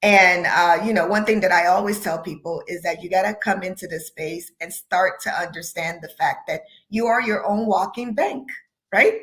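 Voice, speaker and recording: A woman's voice: fairly low pitch, moderate pace, fairly bright tone. Conversational woman co-hosting a panel. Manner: conversational, frequent "right?" tags and laughs. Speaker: panel co-host. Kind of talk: casual panel discussion.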